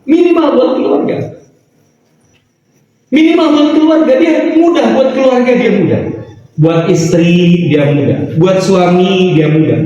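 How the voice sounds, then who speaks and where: A man preaching a sermon in a lively, sing-song way, quoting Arabic phrases. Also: sits high. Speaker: Islamic preacher. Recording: echoey hall, voice from far off.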